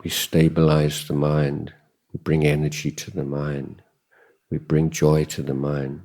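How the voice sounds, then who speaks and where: Measured and contemplative, this man leads a guided meditation as a Buddhist teacher, leaving frequent pauses between brief phrases. He speaks in a very deep, dark-toned monotone.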